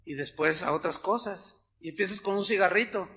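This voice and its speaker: Middle-aged Mexican male pastor, high bright tense voice, animated storyteller in the pulpit. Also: fairly quick. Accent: Mexican Spanish. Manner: animated, acts out quotes, swings from loud to hushed. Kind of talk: sermon with personal storytelling.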